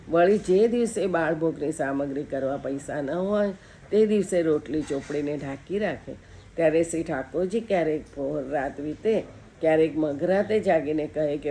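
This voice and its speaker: A middle-aged woman reading a devotional story aloud in a steady, plain voice, lightly voicing the characters. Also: deep voice, slight background noise.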